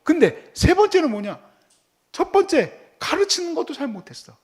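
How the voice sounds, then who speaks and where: A man's voice: extremely high pitch, sing-song, moderate pace, darkish tone. A man preaching a sermon as pastor, telling stories and acting out how he scolds and comforts his child.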